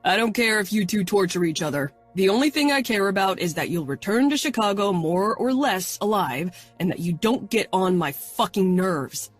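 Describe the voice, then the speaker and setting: A woman voicing a gruff, impatient male bodyguard who speaks in curt growls. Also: medium pitch, animated, normal speed, hardly any pauses, faint music behind, lightly acted. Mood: irritated.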